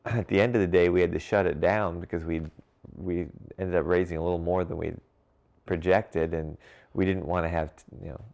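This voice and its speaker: The recording is lo-fi, carrying a middle-aged man's low-pitched, darkish voice with vocal fry. He's an interview guest who founded a brewery and grew up between Cincinnati and Brussels, telling his story conversationally with fillers, restarts, and occasional light laughter.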